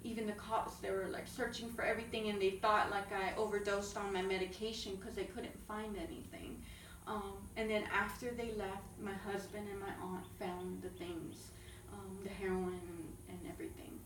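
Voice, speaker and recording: A young woman giving a halting personal testimony with many fillers, recorded from a distance in an echoey room. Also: mid-range voice, flat delivery, a bit bright. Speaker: ministry program resident. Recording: echoey room, mic far off, faint noise.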